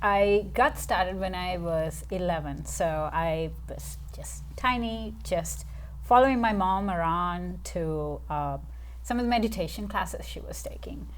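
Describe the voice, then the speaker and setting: A woman in her forties from Sri Lanka, talking as an interview guest. Her voice sits a little low, and she speaks softly and reflectively, pausing often and searching for words. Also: a little hiss or hum. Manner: reflective, soft-spoken, many fillers. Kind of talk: casual interview.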